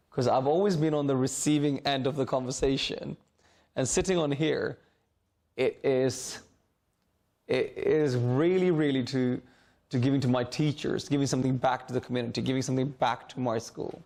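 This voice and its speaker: A man's voice: mid-range voice, moderate pace, creaky, darkish tone. A middle-aged man from Hong Kong, a former student, speaking informally to students while seated in a school library and often repeating words as he searches for the phrasing. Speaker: alumnus guest speaker.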